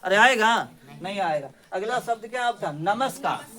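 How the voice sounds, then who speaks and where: A man, teaching spelling to a classroom of pupils. He fires quick questions at them and mixes scolding with teasing. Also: high-pitched, expressive, bright, forceful tone.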